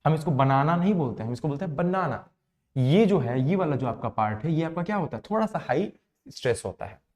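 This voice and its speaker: A man teaching an English lesson, explaining slowly, repeating words for emphasis and answering his own questions. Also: fairly high pitch, lively intonation, darkish tone. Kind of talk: classroom lesson.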